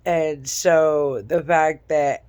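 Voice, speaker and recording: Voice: mid-range voice, steady tone, drawn-out words, darkish tone, smooth, no echo. A vlogger casually retelling a dream in a rambling, repetitive way, often checking in with "okay?" and "right?".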